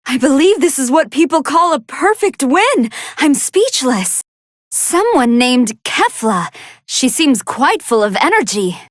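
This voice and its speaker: Gentle young android scientist lady, really high voice, swoopy and expressive, analytical game commentator. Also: measured pace, dry recording, clean studio sound. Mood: curious, earnest. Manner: polite, precise, analytical, expressive. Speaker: match commentator. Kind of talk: video game fight commentary, anime dub acting.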